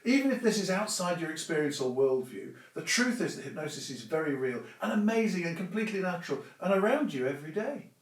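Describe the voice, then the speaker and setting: A man's voice: high-pitched, very animated, fast talker, few pauses. A man gives an informal, instructive talk in an emphatic, conversational manner. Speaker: stage hypnosis presenter giving advice. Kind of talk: informal explanatory talk to camera or audience. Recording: echoey room, distant microphone.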